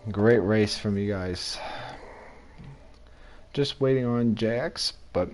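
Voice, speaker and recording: A man calling an online racing league broadcast as its commentator, with quick, energetic play-by-play. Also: on the low side, slight background noise. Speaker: race commentator. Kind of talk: live esports racing commentary.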